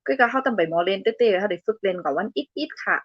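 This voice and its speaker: A young woman hosts a casual live stream, reading viewer comments playfully at a quick pace in a fairly bright, mid-range voice with lively intonation. She laughs often between remarks; the audio is dull but has no echo.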